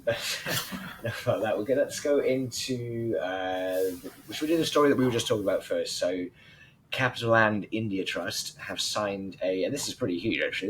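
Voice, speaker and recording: A hoarse man co-hosting a casual industry podcast, chatty and loose, swearing now and then. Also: sits low, a bit bright, a little hiss or hum, poor audio. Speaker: podcast co-host.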